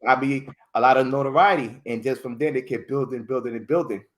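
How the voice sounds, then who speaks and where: A rambling, animated man telling stories. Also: mid-range voice, quick pace. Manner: rambling, restarts words often, many fillers; animated storytelling, voices others in quotes. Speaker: podcast guest. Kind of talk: casual interview chat.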